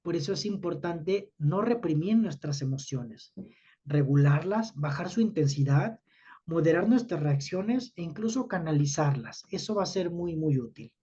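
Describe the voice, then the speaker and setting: Man explaining calmly, mellow tone. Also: a little high, normal speed, lo-fi sound, slight background noise. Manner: explains step by step, checks in with "¿va?". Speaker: teacher. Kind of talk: educational talk to students.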